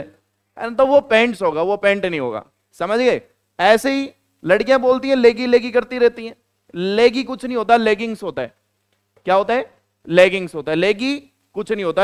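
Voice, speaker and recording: Playful, high-voiced man teaching grammar. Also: smooth, no echo, studio quality. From India. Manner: playful, joking asides to students; repeats key words, quizzes the class. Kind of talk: classroom grammar lecture.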